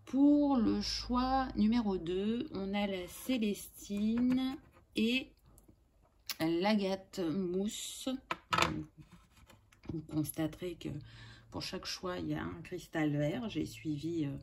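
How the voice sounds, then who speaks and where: Woman card reader, mellow and unhurried, gentle delivery with fillers, faint background hiss. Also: medium pitch. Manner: slow, gentle, many pauses and fillers. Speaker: tarot and oracle card reader. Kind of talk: soft-spoken spiritual card reading.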